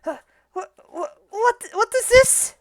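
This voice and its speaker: A nervous tiger-striped cat-man shopkeeper, played by a woman, hesitant and stammering. The voice is high and close, with little room around it, as in a tabletop fantasy game. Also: animated, slow pace, dry recording. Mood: startled.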